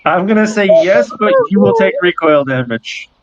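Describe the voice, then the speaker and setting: A man's voice: high-pitched, animated, moderate pace, dry recording. A man narrating a tabletop game as game master, laid-back and joking, swearing often. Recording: dull, dry recording.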